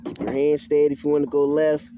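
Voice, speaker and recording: Patiently going over every step twice, a rural instructor leads a relaxed hands-on lesson in down-home country talk. He speaks fast in a mellow, slightly high voice that barely moves in pitch. The clip carries outdoor ambience and clear background noise.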